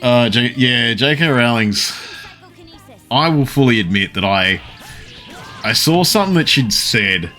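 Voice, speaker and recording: A man streaming a video game live, talking casually and answering his chat with frequent pauses to think. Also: medium pitch, lively intonation, sharp tone, soft background music. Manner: responds to chat messages, pausing often to think.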